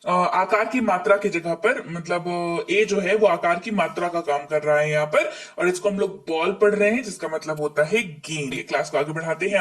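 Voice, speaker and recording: A man with a high voice teaches a spelling class. He keeps repeating words and asks quick questions back to his viewers. He sounds a little distant from the mic. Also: fairly bright tone. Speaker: English teacher. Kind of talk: online spelling lesson.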